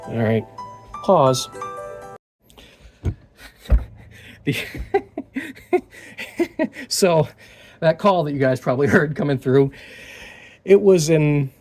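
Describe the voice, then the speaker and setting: A man's voice: fairly high pitch, very animated, drawn-out words, long pauses, a little mellow. A man working as a guitar repair technician, talking casually through the job and muttering to himself between tasks. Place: repair workshop.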